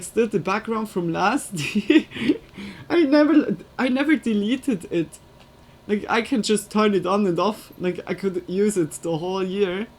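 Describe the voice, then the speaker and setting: A woman's voice: on the low side, a little mellow. A woman chatting casually and giggling on a live stream, with loose non-native phrasing, into a USB desk microphone.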